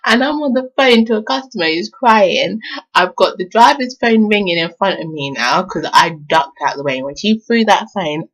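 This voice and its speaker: A woman's voice: medium pitch, expressive, moderate pace. A woman telling a story from her own life in a casual vlog, laughing often and swearing freely. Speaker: vlogger. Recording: dull lo-fi sound.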